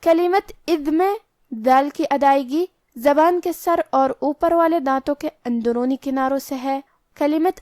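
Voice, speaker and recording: A woman with a high voice explains recitation rules slowly and carefully, one point at a time. The recording is dry and close, with no room sound. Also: no room sound. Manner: slow, careful, step-by-step explanation of pronunciation rules. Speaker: Quran recitation teacher. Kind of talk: tajweed lesson.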